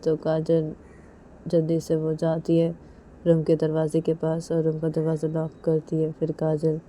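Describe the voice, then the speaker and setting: A woman's voice: sits low, monotone, a little slow, mellow, a little hiss or hum. A woman narrating a romance story in a casual, repetitive storytelling manner. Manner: simple, repetitive phrasing with many linking 'then's.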